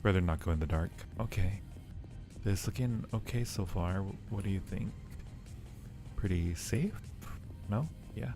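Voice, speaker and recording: A low-voiced man speaks at a measured pace with long pauses. Streaming a horror game live over its music, he chats playfully with viewers, mutters to himself, and reads the text on screen aloud.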